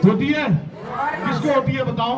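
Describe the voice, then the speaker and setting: A man's voice: very high-pitched, measured pace. A man giving an emphatic motivational talk at a school, getting the students to repeat his lines after him. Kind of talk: motivational talk with call-and-response. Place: school gathering with many students. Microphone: handheld or stage mic. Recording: echoey, distant, dull sound with crowd.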